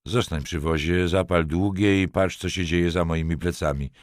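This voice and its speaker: A man's voice: deep voice, normal speed, no echo, studio quality, natural voice. A man voicing an overweight police sergeant giving terse orders. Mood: hushed.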